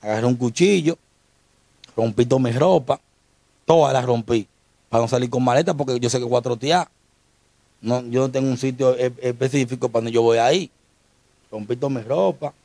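A man's voice: medium pitch, brisk, long pauses, warm tone, no echo. A young Dominican man, an interview guest, telling an emotional personal story in slangy street talk. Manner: slangy, repeats street address terms.

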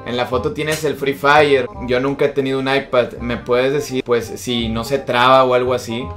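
A man's voice: medium pitch, little pitch movement, moderate pace, a bit bright, faint music behind. A man in his twenties with a Mexican accent, talking casually and slangily like a YouTuber making gaming vlogs and prank calls. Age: 20s. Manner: slangy, informal. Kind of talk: casual gaming vlog and phone chat. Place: bedroom.

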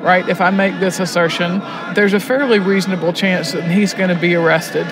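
Behind the wheel, a woman from Alabama, a prison poetry teacher who runs the program, talks in a candid, reflective interview. She is thoughtful and deliberate, pausing as she goes, her fairly low voice mostly even in intonation, with clear vehicle and road noise around her.

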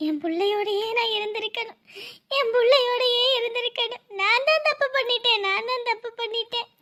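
A woman plays a distraught middle-aged mother in a TV drama who wails and pleads through her tears. Her voice sits very high and thin. Each line comes out as sobbing lament. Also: a little fast, pushed and bright. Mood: despairing. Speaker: grieving mother. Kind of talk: Tamil TV drama acting.

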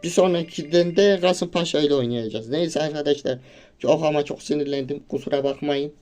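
Brief: male gaming YouTuber, high voice, rowdy reactive play-by-play, frustrated outbursts. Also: brisk, soft background music. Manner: excitable, shouts at players, frustrated outbursts. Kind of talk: live reactive gameplay commentary.

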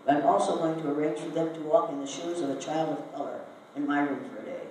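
A woman's voice: deep voice, fast talker, darkish tone. An older woman from Iowa, telling a story to a live audience and asking them questions. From Iowa, United States. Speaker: speaker giving a talk. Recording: very echoey hall, voice from a distance, faint noise.

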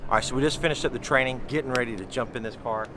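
An upbeat man in his forties talks straight to the camera at a racetrack, chatty and a little teasing. His voice sits at an ordinary pitch. Heavy outdoor noise and traffic wash over the camera audio. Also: racing. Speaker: vlog host. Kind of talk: casual vlog narration. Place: outdoors at a racetrack and indoors in a training building.

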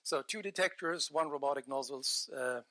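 A conference presenter in his forties gives an earnest technical talk in a large conference hall, wearing a headset mic, gesturing as he speaks and often restarting his phrases. His mid-range voice is bright and forceful, delivered at a moderate pace.

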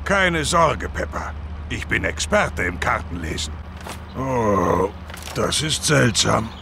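Creaky, jovial daddy pig. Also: male voice, on the low side, very animated, takes it slowly, noisy background, exaggerated voice. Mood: puzzled. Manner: jovial, breezily confident. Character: easygoing, self-assured bumbling daddy pig. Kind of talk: cartoon voice acting.

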